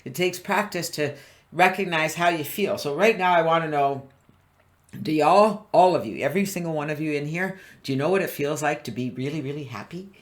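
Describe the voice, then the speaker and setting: A woman business coach giving a live online training, animated and constantly quizzing her listeners. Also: sits low, fairly quick. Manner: animated, keeps quizzing the audience. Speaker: business coach presenting a webinar.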